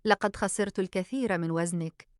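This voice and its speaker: A caring, protective sister, played by a woman narrator. She speaks calmly and gently, yet firmly. The voice is mid-pitched and dry. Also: a little fast, smooth, no room sound, close to an everyday voice. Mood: gentle, concerned. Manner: calm and gentle.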